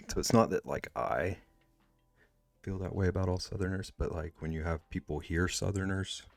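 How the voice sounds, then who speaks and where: A man with a low, creaky voice speaks at normal speed with fairly even intonation while faint music plays behind and there's no echo. He's drawing on a live stream, rambling casually with viewers, reading and answering chat with many "like"s and restarts.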